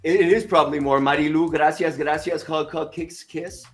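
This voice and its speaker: A man's voice: a little high, fairly even intonation, moderate pace, soft background music. Enthusiastic man co-hosting sports chat. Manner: enthusiastic, rambling, mixes in Spanish phrases. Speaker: co-host. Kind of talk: casual bilingual sports chat.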